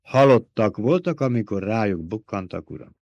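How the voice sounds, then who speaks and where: A man's voice: on the low side, animated, darkish tone, dry recording, muffled recording. A man voicing a nervous male subordinate in an audiobook, who reports hesitantly and deferentially.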